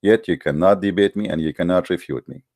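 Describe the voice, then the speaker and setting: Here the Arabic-accented host of a religious call-in debate, a native Arabic speaker from the Middle East, fires off short, emphatic phrases in a boastful, combative monologue. The voice sits low and moves fairly quickly with a slightly mellow quality, in a dry, clean studio recording.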